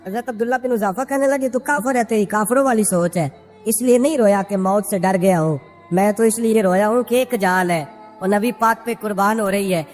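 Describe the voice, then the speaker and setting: A man preaching a passionate sermon who tells stories in a rhythmic way, often swelling into high, emotional cries. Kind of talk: Urdu sermon storytelling. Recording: echoey hall with faint music.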